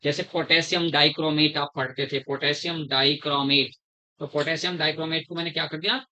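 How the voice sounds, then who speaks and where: Bright-voiced male chemistry teacher. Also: fairly high pitch, steady tone, low-quality recording. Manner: slow, repeats terms, quizzes students; calls students "beta". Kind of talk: classroom lecture. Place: classroom.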